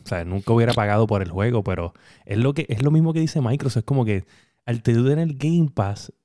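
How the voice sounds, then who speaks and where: A man's voice: medium pitch, fairly quick, warm tone, no room sound, clean studio sound. A Puerto Rican man in casual chat as a podcast co-host, rambling with hesitant fillers.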